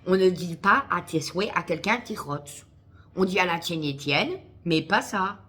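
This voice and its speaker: A woman's voice: lowish voice, moderate pace, fairly bright tone. A woman vlogging in casual chat to camera, chatty and swearing freely, talking through a headset.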